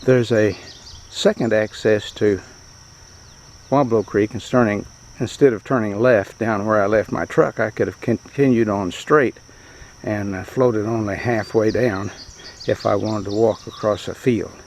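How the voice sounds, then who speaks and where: A man's voice: on the low side, a little mellow, slight background noise. Matter-of-fact man outdoors by a creek. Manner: plain, matter-of-fact, unhurried. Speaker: fishing vlogger. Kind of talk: casual outdoor narration. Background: insects and countryside ambience.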